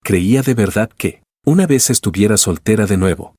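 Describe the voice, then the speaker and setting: Man, low-pitched, husky, dry close recording, steady story narration. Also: moderate pace, no echo.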